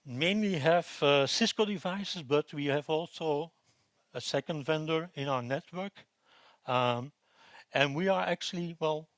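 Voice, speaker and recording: A man from Belgium in his forties, giving a relaxed technical conference talk with frequent fillers and restarts. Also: a little high, no room sound. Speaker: conference presenter. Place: conference room.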